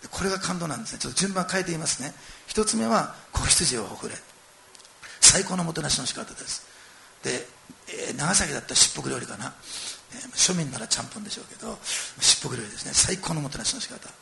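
Gravelly, fast-talking animated preacher man. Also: fairly high pitch, slight background noise. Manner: animated storytelling, acting out quoted lines and addressing listeners directly. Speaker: pastor. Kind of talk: sermon.

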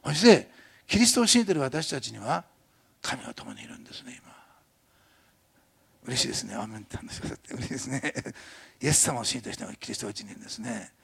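An older man preaching a sermon as a pastor, chatty and animated, often adding tag questions and laughing. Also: mid-range voice, very fast, vocal fry, husky.

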